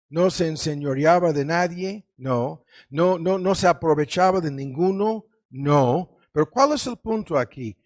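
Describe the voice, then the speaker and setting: A male pastor preaching a sermon, often tagging phrases with a rhetorical question and swinging between emphatic high lines and soft low ones. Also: no echo, clean studio sound.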